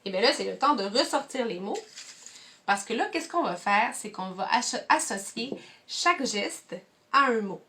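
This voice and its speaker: A woman's voice: on the high side, lively intonation, normal speed, sharp tone. A young woman with a Quebec French accent, leading kids through a movement activity from home as a cultural mediator, encouraging and addressing viewers directly. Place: home, indoors.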